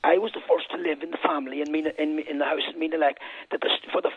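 A man in his sixties with a northwest Irish accent, telling anecdotes of his life in a lilting, discursive storyteller's way, with a husky voice. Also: on the high side, flat delivery, racing. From Ireland, County Donegal and Fermanagh. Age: 60s. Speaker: interview guest. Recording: narrow, dull radio sound.

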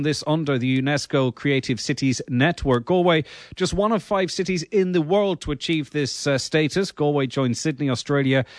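A man's voice: on the high side, no room sound, studio quality. A man presenting and interviewing on local radio.

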